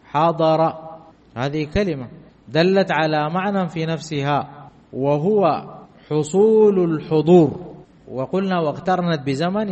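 A male teacher giving a grammar lesson, repeating key terms and quizzing his listeners with short questions. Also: fairly high pitch. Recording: dull lo-fi sound with long hall reverb.

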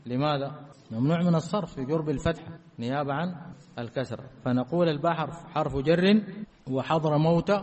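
A man giving a classroom grammar lesson. He keeps asking whether his students have understood, and he repeats key words slowly. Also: fairly high pitch, darkish tone, lo-fi sound. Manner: checks understanding with repeated questions. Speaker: grammar teacher.

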